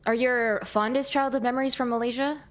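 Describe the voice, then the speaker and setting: A woman's voice: a little high, fairly even intonation, fairly quick. A woman co-hosting a stream, reading viewer questions and asking curious follow-ups in casual chat.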